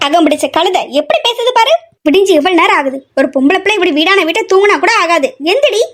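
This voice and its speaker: A woman's voice: extremely high pitch, expressive, quick pace. A woman playing a nagging middle-aged mother in a family comedy skit, scolding and complaining nonstop.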